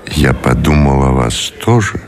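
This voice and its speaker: An actor playing a reserved, dignified naval admiral in a radio drama, speaking in a measured, formal, deliberate way. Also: male voice, very deep voice, animated, a little mellow. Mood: tender, grave. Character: Admiral Kolchak, reserved, dignified naval officer under interrogation. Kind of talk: Russian radio drama acting.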